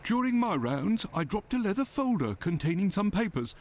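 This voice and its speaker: A dutiful, somewhat naive police constable in a video game. His voice sits high for a man, and he asks politely, with some hesitation. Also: sing-song, normal speed, slight background noise.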